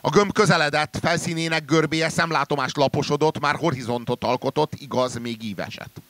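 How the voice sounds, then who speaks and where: A man reading a literary story aloud in a measured way, trailing low and quiet at the ends of sentences. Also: fairly even intonation, dry recording. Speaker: reader.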